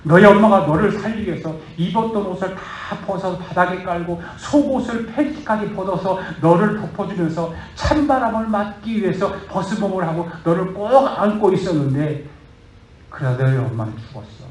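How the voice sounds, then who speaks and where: A gentle older father speaks softly and gravely, put on by a male pastor. His voice stays low and hushed. It rings in a roomy church hall. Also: expressive, moderate pace, a little hiss or hum. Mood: solemn.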